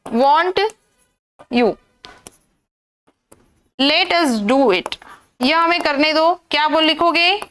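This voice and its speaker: High-voiced, slow-paced Indian woman teacher. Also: a bit bright, slight background noise. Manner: repetitive drilling with rhetorical questions. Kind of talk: exam-prep grammar lesson.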